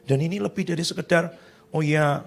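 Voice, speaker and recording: A middle-aged male pastor preaching a sermon in a lively, conversational way, acting out the voices of people he quotes. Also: a little high, a little fast, gravelly.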